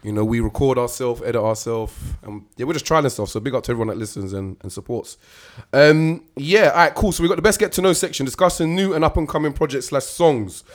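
A man's voice: mid-range voice, lively intonation, fast, hardly any pauses. A young man with a London accent hosting a podcast, chatting casually and using plenty of street slang. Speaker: podcast host.

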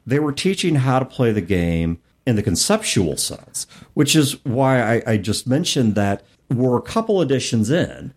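With a husky, darkish, mid-range voice, a middle-aged podcast host sounds very animated as he comments conversationally on tabletop gaming. He speaks at normal speed with hardly any pauses, emphatically listing words one by one for effect.

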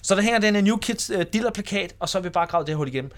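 Lively storytelling man, slightly high voice. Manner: lively storyteller who acts out the people in his anecdotes. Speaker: podcast host. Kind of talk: casual storytelling chat.

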